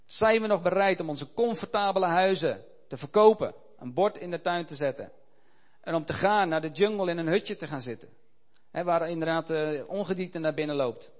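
A man preaching an impassioned sermon and leading a prayer. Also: on the high side. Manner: impassioned, rising to loud climaxes. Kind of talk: sermon with retold story and prayer.

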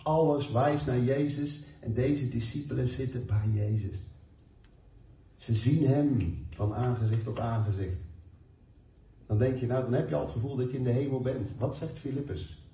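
Man giving a sermon, mellow voice, slow big lines then quick bits, roomy and kinda muffled. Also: mid-range voice. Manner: emphatic, swings from slow stressed phrases to quick asides. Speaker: preacher. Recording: echoey, distant, dull room sound.

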